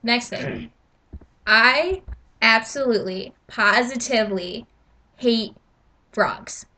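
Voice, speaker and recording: A woman's voice: fairly high pitch, slow pace, bright, forceful tone. Playful laughing teen girl. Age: teens. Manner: laughs often, playful dramatic asides. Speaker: vlogger. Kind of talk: casual chat.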